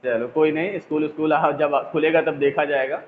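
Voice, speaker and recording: Teasing and playfully scolding his students, this physics teacher chats through an online class on his mobile phone. He speaks fairly quickly at a fairly high pitch with fairly even intonation, over a tinny, echoey line carrying faint noise.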